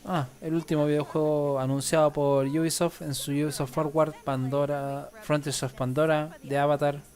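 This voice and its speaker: A man's voice: a little high, level tone, brisk, darkish tone. A man with a Chilean Spanish accent, hosting a live stream and filling time with casual, rambling commentary. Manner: casual, rambling filler talk while waiting. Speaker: stream host.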